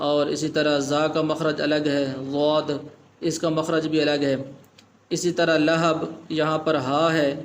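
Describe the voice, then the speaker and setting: A man teaching Quran recitation rules, explaining each point plainly and then chanting the verses slowly. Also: on the high side, a little hiss or hum. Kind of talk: tajweed lesson in Urdu with chanted recitation.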